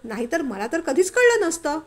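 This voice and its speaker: A woman voicing an angry middle-aged male office boss who shouts stern accusations. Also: high voice, sing-song, normal speed, voice pushed up. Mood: furious.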